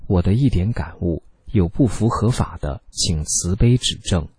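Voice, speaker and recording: A man's voice: low-pitched, expressive, normal speed, darkish tone, slightly rough. A man reading a religious sharing article aloud in an earnest, admonishing tone. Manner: exhorting, admonishing tone.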